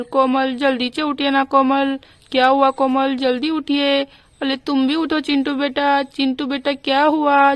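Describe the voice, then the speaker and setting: A woman voicing a village husband and father in a doll storybook, speaking in a lowered voice with a fussing, boastful manner. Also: no room sound.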